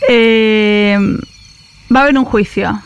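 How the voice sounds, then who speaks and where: A woman's voice: medium pitch, fairly even intonation, lo-fi sound, slight background noise. A woman with an Argentine accent playing a stressed, self-important caller in a comedy sketch, haughty and dismissive. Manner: haughty, dismissive, drawn-out complaining.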